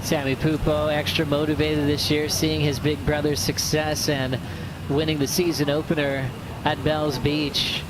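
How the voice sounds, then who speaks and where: A man's voice: on the high side, level tone, unhurried. A man giving live surf contest commentary in a laid-back announcer's delivery. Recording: outdoor ambience, engine noise behind.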